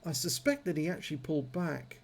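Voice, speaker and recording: A man's voice: fairly high pitch, very animated, fairly quick, gravelly. A man giving running commentary on a video game, his speech slightly impeded by a numb, toothache-swollen jaw. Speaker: gameplay commentator.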